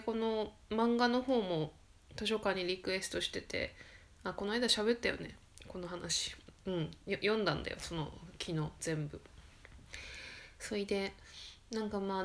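A woman hosting her own talk podcast, chatting casually late at night in a quiet, low-energy voice that keeps slipping into a whisper, rambling and correcting herself as she goes. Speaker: radio podcast host.

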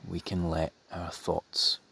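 A man softly leading a guided meditation in a breathy, soothing half-whisper, with measured phrases and long pauses. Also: low-pitched, completely flat delivery, a little hiss or hum.

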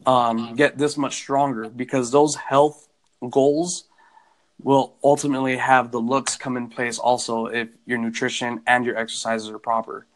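A young man speaks in a mid-range voice in a relaxed chat. He gives advice thoughtfully, stumbling at times and filling his pauses with um and I mean. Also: medium pitch, rough recording. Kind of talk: casual conversation.

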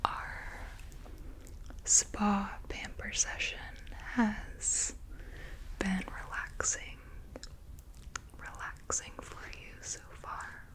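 A woman doing a whispered role-play as a gentle, soothing spa attendant, in a soft, breathy whisper. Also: medium pitch, flat delivery, very slow, pauses often. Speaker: ASMR host playing a spa beautician.

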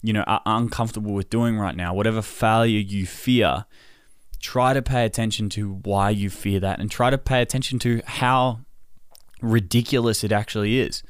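Low, unhurried man, smooth and subdued. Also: fairly even intonation, no echo, studio quality. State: tired and in pain, recovering. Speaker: podcast host. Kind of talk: casual solo podcast monologue.

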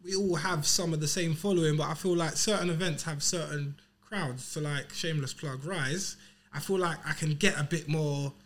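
Bright-voiced man in casual banter. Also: fairly high pitch, moderate pace. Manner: slangy. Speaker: DJ and event promoter.

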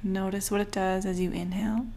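A woman coaches a breathing meditation in a soothing, unhurried way, leaving long pauses as her breathy, mid-range voice often fades almost to a whisper. Her tone is warm and level, with slight background noise.

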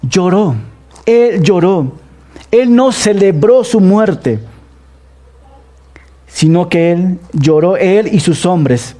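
A middle-aged pastor from Peru, speaking with a Peruvian Spanish accent, preaches a sermon and Bible study to his congregation. His voice is high, expressive and mellow, and he asks them questions and slowly repeats key phrases for emphasis.

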